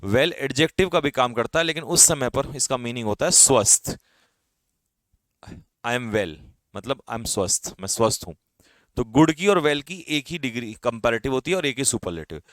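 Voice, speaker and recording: An Indian-accented man teaching grammar for exam prep, his pitch rising and falling a lot as he talks. He asks his own questions, answers them, and drops his voice at the end of each list of examples. The sound is dry and close. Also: expressive, moderate pace, fairly bright tone, no echo. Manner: explains step by step, code-mixing, asks and answers own questions; calls students brother, drops his voice at ends of lists. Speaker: English teacher. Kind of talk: online exam-prep lesson.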